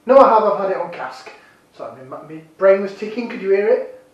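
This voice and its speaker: A man's voice: high voice, lively intonation, a little fast, recorded from a distance, muffled recording. Chatty man in an echoey room. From Yorkshire, England. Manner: chatty, jokey, self-deprecating. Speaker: beer reviewer. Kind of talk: casual vlog review.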